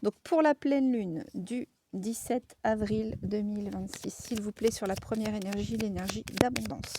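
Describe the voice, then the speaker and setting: Lorraine-accented woman doing a laid-back card reading, chatty, blunt asides, lots of ums, mid-pitched voice. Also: normal speed, background noise. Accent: Lorraine French. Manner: chatty, frank asides, frequent fillers. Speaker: oracle card reader. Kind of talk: casual spoken card reading.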